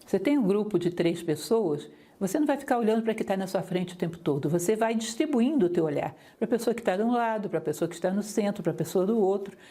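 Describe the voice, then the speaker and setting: A woman lecturer teaching public speaking, talking straight to her listeners with lively, varied intonation. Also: mid-range voice, fast, few pauses. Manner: didactic, lively intonation, addresses listeners directly.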